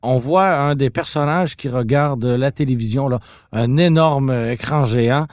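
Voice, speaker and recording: A man with a Québécois French accent co-hosting a podcast, telling stories in a teasing, animated way. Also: medium pitch, normal speed, no echo, clean studio sound. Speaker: podcast co-host. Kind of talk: casual podcast chat about car films.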